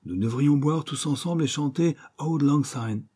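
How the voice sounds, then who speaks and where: A man voicing an excitable, chatty man who makes an effusive toast. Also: mid-range voice, moderate pace, breathy edge.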